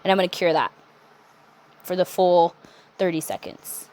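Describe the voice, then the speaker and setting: A young adult woman talking through a nail art tutorial in a chatty, relaxed way, with self-correcting asides. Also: on the low side, moderate pace, a little hiss or hum. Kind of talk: casual step-by-step tutorial narration.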